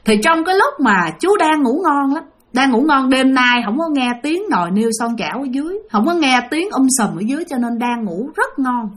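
A woman's voice: sits high, sing-song, a little fast, hardly any pauses. A woman telling a ghost story in a chatty way, speaking straight to her listeners. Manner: chatty, addresses listeners directly. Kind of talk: spoken ghost-story narration.

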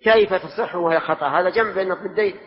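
A man's voice: high-pitched, quick pace. A man, a religious scholar, giving a question-and-answer lesson and quizzing his students for answers. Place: large mosque hall. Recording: dull lo-fi recording with long hall reverb.

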